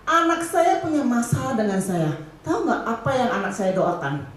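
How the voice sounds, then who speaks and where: A middle-aged woman preaches to young people, her voice fairly high for a woman and bouncing through questions to the room. She sounds a little away from the mic, and a strong echo hangs around her words in the big hall. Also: normal speed, far from the mic. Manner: lively, asks the crowd questions, acts out scolding mother. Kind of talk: youth sermon. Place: church hall. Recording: echoey hall, heard from afar.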